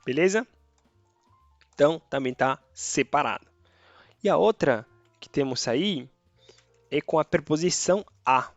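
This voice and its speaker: A slightly high, expressive male voice moves a little slowly, pausing often, over faint background music in a muffled, echo-free recording. He's a native Spanish speaker teaching grammar casually online, chatty and frequently checking in with viewers via "tá" and "beleza."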